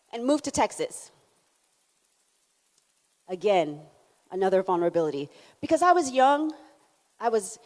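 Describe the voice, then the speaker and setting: A young adult woman from Canada with a Jamaican accent, giving a conference keynote and drawing in the audience with questions. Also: a little high. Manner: animated, engaging the audience with questions and laughs. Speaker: keynote speaker. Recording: hall reverb.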